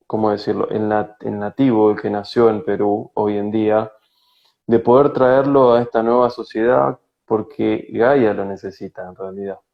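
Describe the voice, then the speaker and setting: A man from Argentina with a Rioplatense accent, a spiritual guide talking slowly and searchingly in an interview, with frequent hesitations. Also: on the low side, gravelly, dull audio. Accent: Rioplatense Spanish. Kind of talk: reflective conversational interview. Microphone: video call.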